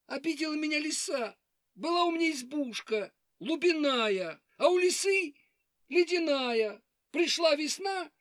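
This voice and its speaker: Storybook hare, small and timid, whiny and high, voiced by a woman narrator. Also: no echo, studio quality. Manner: high, plaintive, hurried complaining. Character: weepy timid little hare, male.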